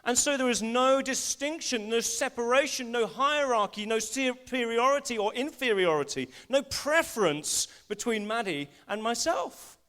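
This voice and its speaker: This English pastor's voice is very high-pitched, at a normal speed with few pauses, as he preaches live at a school hall church service. Drawing volunteers from the congregation, he stays animated, his emphasis rising whenever he makes a point.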